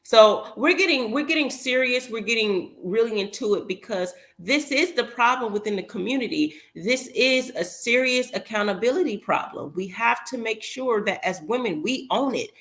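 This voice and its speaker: A woman giving casual opinion commentary in an emphatic, rambling way, pausing to recall details. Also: on the high side, animated, fairly bright tone. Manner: emphatic, rambling, with pauses to remember.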